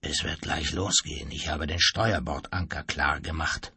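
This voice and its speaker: A man's voice: rumbling low, fairly even intonation, moderate pace, pushed and bright, slightly rough, no echo, voice pushed down, full character voice. A man voicing an anxious, worried ship's mate who reports in a subdued way in an audiobook.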